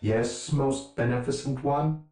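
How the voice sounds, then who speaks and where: An actor voicing a slow, servile male cyborg servant drone in a video game, speaking in a flat, obedient, mechanical way through a booming metallic robotic filter. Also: a little hiss or hum. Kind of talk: video game unit voice lines. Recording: game audio with heavy echo and music.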